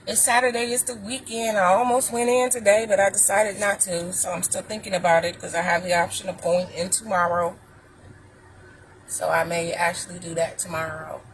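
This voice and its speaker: A woman from Ohio filming a vlog, chatting casually and warmly with a neighbor outside by an apartment parking lot. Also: mid-range voice, level tone, normal speed, a little hiss or hum, poor audio. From Ohio, USA. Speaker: vlogger.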